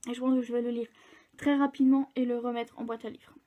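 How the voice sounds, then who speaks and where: A woman's voice: on the high side, level tone, fast, dark tone. A young woman chatting casually in a book vlog, rambling with fillers and restarts. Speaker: book vlogger. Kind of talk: casual chat.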